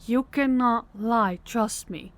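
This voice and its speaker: A woman performs a guarded, stern woman in an audio roleplay. She talks directly to the listener in a measured, firm way, with an apologetic, pleading undertone. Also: on the high side. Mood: stern, urgent.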